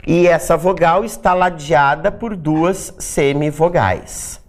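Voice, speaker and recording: A grammar teacher giving a recorded exam-prep lesson, checking in with "tá?" and "né?" after almost every point and drawing out example words slowly to demonstrate their sounds. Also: medium pitch. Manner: ends nearly every point with "tá?" or "né?"; repeats key points for emphasis.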